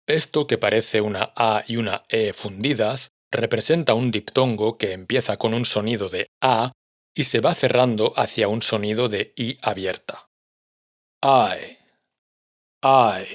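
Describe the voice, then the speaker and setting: A man, patiently explaining a language lesson to learners. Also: fairly low pitch. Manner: patient, clear explanation, addresses learners directly. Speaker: language teacher.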